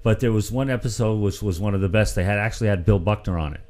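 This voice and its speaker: A man's voice: on the low side, fast, darkish tone. A man hosting a sports talk show, telling long rambling stories in casual chat. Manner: rambling storyteller, acts out quotes.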